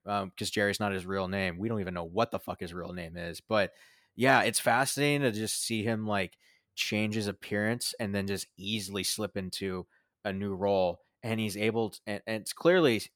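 A man's voice: lowish voice, a bit bright, no echo, studio quality. A young man casually reviewing a movie with a friend, rambling with many fillers and restarts. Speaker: podcast co-host.

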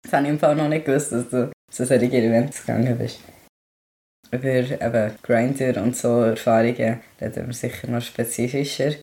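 A young man hosting a podcast, talking calmly and quietly in casual chat. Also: medium pitch, normal speed, husky. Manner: calm, quiet talker, rises when emotional. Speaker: podcast host.

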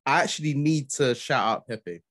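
A man in a casual group discussion, putting quick questions to his friends like he is running a vote. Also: mid-range voice, lively intonation, a bit bright.

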